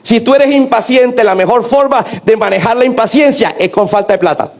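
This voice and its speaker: A man's voice: very high voice, normal speed. A middle-aged man preaching a sermon, asking rhetorical questions and having the congregation repeat after him. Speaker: pastor.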